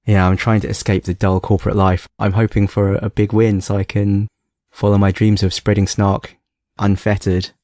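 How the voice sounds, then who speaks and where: Low-voiced snarky man, dry sound. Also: little pitch movement, normal speed, a little mellow, dry recording. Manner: playful, snarky and self-mocking. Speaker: podcast co-host. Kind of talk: casual chat.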